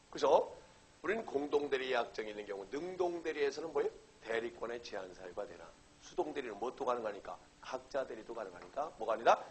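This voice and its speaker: A middle-aged man teaches a law class with a voice of ordinary pitch. He keeps asking the class questions, then answers them himself and checks that everyone follows. A faint background hiss runs under his voice. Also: poor audio. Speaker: law lecturer. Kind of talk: exam-prep lecture.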